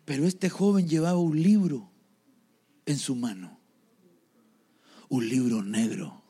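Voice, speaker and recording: A man's voice: medium pitch, slow, dark tone, husky. A man preaching a sermon, telling stories and speaking to the congregation. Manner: storytelling, addresses the congregation. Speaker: pastor.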